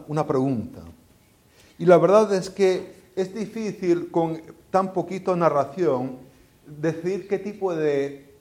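Hombre predicando con preguntas retóricas. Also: male voice, a little high, darkish tone. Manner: conversational, rhetorical questions, frequent restarts. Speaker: preacher. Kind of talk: sermon.

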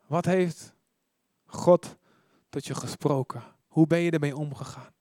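A man preaching a sermon, telling stories in a lively way that moves from loud exclamations to soft whispers. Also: fairly high pitch, a little slow, no room sound, studio quality.

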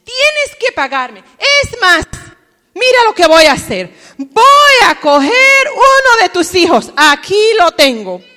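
A woman voicing a harsh, threatening male creditor, loud and demanding. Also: extremely high pitch, big pitch swings, takes it slowly, long reverb tail, pitched above the performer's own voice, exaggerated voice.

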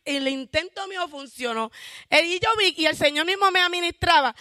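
A woman's voice: extremely high pitch, no echo, studio quality. A woman giving a fervent church testimony, calling out hallelujahs. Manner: self-described loud shouter.

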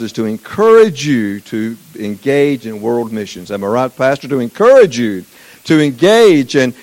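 A man from Eastern North Carolina with a Southern accent preaches a folksy sermon in a church sanctuary as a guest missions speaker. His voice is on the high side with a darkish tone, and he keeps things chatty, quizzing the congregation with questions.

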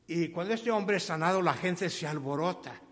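An elderly man delivers an emphatic sermon. His voice sits fairly high for a man, and it rings out with a long reverb from a big hall. He tells stories and keeps asking his listeners questions. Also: moderate pace, fairly bright tone. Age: 80s. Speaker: preacher.

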